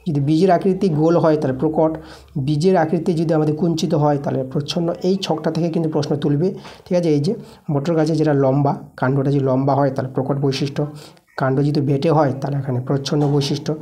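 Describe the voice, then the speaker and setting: A woman teacher rushes through an exam-prep lesson in a low voice. She keeps repeating key terms and answering her own questions. Her tone is mellow and soft-edged. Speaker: school science teacher.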